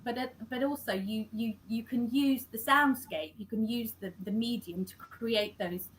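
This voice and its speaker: Speaking at a fairly high pitch over a video call with rough audio, a scriptwriter talks about her work in a conversational interview. She frequently stops, corrects herself, and begins her sentences anew.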